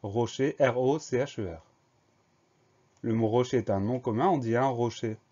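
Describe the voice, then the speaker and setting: Patient man spelling out words slowly. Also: medium pitch, mellow, highs cut off. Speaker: teacher. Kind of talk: spelling lesson for a dictation.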